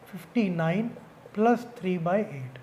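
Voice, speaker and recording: A man with a high-pitched voice teaches an exam-prep math lesson. He talks in a relaxed, conversational way, constantly asking rhetorical questions and answering them himself. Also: a little slow, dull audio, a little hiss or hum. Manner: casual, conversational explaining.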